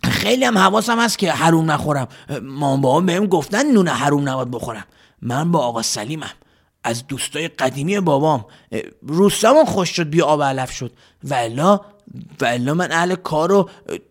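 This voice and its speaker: A man's voice: fairly high pitch, voice pushed up. Storybook young villager, naive and earnest, stammering, played by a man. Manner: stammering, hesitant.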